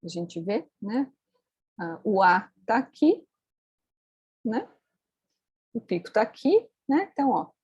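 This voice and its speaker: A woman's voice: mid-range voice, sing-song, takes it slowly, pauses often, a little mellow, breathy edge, no room sound, lo-fi sound. A woman teaching phonetics in a screen-recorded tutorial, explaining step by step and checking in with tag questions. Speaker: phonetics instructor.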